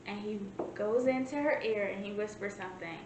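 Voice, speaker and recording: A woman's voice: mid-range voice, fairly quick, darkish tone, echoey room, slight background noise, poor audio. A woman co-hosting a reality show review in casual chat, rambling with restarts and acting out what she would have said.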